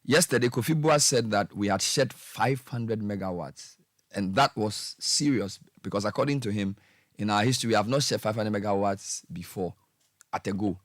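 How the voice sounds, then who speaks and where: Smooth radio host, man. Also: lowish voice, normal speed, dry recording, studio quality. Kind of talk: pressing radio interview.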